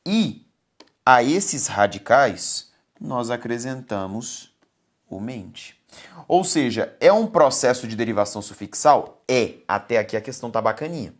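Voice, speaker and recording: A woman's voice: a bass voice, lively intonation, unhurried. A Brazilian woman teaching a grammar lesson for exam prep. She stresses points emphatically, keeps asking students to look and pay attention, and calls them "my dears". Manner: affectionate, calls viewers "my dears".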